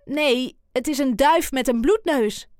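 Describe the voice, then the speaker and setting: A woman voicing a quick-witted, cheeky young child who tells jokes, in a children's storybook. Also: sits high, a little mellow, no echo, studio quality.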